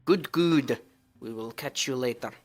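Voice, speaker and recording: A man's voice: mid-range voice, measured pace, soft background music. A man streaming a video game and chatting casually over it, joking and laughing often. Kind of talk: casual let's-play commentary.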